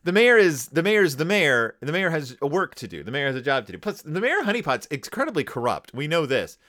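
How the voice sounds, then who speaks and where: A man in his thirties hosts a comedic book-review podcast. His voice sits a little high and bright, and it swings up and down as he rambles through digressions and restarts his sentences. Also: sing-song, a little fast. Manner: rambling, digressive, self-correcting. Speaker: podcast host.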